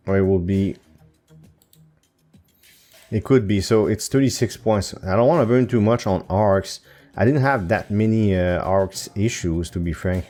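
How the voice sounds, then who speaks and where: This man's voice is fairly low and warm as he offers casual commentary on his own gaming channel, recorded at home. He thinks aloud while playing, hesitating with fillers and correcting himself.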